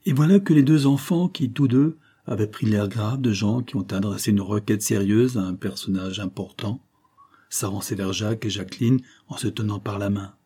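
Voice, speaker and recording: A man narrating a classic novel with an expressive, literary delivery. His voice is low, dark and husky. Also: normal speed. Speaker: audiobook narrator. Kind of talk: scripted narration.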